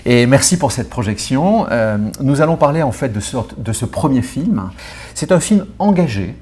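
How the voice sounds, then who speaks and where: A man interviewing a guest, asking questions in a polite, formal, steady way. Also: mid-range voice, moderate pace.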